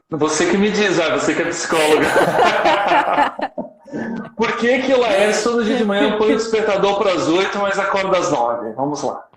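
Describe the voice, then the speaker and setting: Male guest, high voice, calm measured advice, echoey room sound. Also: over a noisy crowd. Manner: measured, often ends points with tag questions. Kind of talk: conversational advice in a live stream.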